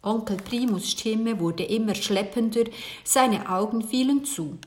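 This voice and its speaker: Slow-reading woman narrator. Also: fairly high pitch. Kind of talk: children's audiobook reading.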